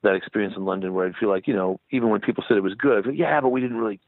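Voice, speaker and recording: A man's voice: low-pitched, racing, no room sound. A middle-aged male musician talking in a rambling way in a phone interview, often tagging his points with "right?". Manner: rambling, tags statements with "right?". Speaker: touring musician, guest. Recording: dry tinny phone line.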